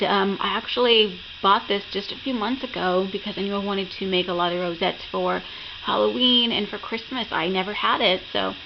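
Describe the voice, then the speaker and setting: A woman with a sore throat from being sick, chatting enthusiastically as she shows off her craft projects in a casual vlog. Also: mid-range voice. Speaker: craft vlogger. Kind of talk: casual project show-and-tell. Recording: muffled lo-fi sound with clear background noise.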